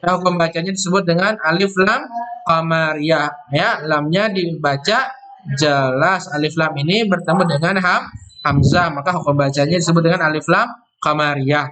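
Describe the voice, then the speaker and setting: A man teaching Quran recitation rules, explaining step by step and slowly chanting verse words before each explanation. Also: fairly high pitch, bright, forceful tone. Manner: explains step by step, often ending with "ya".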